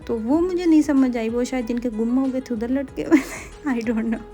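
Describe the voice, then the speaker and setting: A woman in her thirties from Pakistan with a Pakistani Urdu accent, narrating her family shopping trip in a casual vlog voice-over and often pausing to search for words. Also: a little high, mellow, soft background music. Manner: chatty, rambling with frequent hesitations. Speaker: vlogger.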